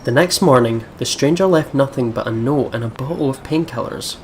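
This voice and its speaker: There's a little hiss or hum behind this medium-pitched, darkish male voice, which moves a bit quickly. He's a let's play host speaking into a desk microphone at his computer at home, chatting loosely about the game with slang and profanity, occasionally reading text out.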